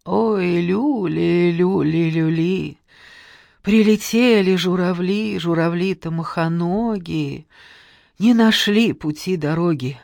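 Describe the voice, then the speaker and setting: A narrator voicing a tender, pious old nanny who soothes slowly with folksy endearments. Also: medium pitch, lively intonation, gravelly, a little mellow, no echo, studio quality. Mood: lulling. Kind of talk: audiobook character reading.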